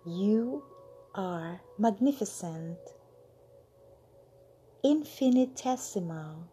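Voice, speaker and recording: Woman, guided meditation voice, extremely slow, soothing, trailing whispers, faint music underneath. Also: mid-range voice, lively intonation, warm tone. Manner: slow, soothing, drawn-out delivery with breathy whispered endings.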